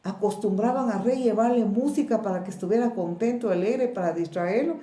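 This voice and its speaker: A Guatemalan-accented woman pastor delivers a sermon in a church, her mid-range, dark-toned voice carrying a roomy sound. She speaks in a measured way, with pauses and repeated words.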